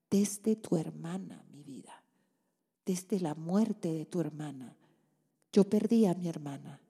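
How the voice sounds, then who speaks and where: Soft-spoken woman giving advice. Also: on the low side, husky, big-room sound. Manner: tender, repeats soothing endearments and affirmations. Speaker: relationship advice host. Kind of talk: advice monologue answering listener letters.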